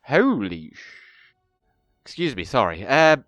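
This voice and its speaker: A young man hosting a gaming video has a cold and a bunged-up nose, and he rambles casually with frequent self-corrections while playing a strategy game. His medium-pitched voice is sing-song, slow and a bit bright. The dry recording has soft background music.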